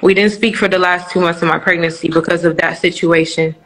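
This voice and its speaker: A woman's voice: on the low side, steady tone, a little fast, a bit bright, low-quality recording. A woman in her twenties, from Nigeria, speaking candidly as a guest on a live-streamed interview, telling her story with many restarts and fillers. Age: 20s.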